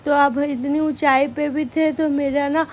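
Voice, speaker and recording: A woman's voice: high-pitched, little pitch movement, a little slow, slight background noise. A young woman narrating a family outing vlog in a chatty way, talking straight to her viewers. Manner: chatty, addresses viewers as guys. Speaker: vlogger.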